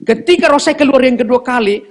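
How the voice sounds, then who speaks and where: A man giving an emotional personal testimony in church, swinging between loud cries and hushed low speech. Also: a little fast.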